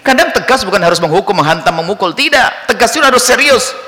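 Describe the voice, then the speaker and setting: Lively bright-voiced male preacher. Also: high-pitched, quick pace, long reverb tail. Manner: addresses the congregation directly. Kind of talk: sermon to parents.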